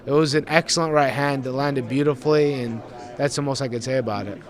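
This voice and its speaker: A man's voice: mid-range voice, steady tone, brisk. A young adult man from Greece, an MMA fighter giving a pre-fight interview in an earnest, rambling way, repeating words as he goes.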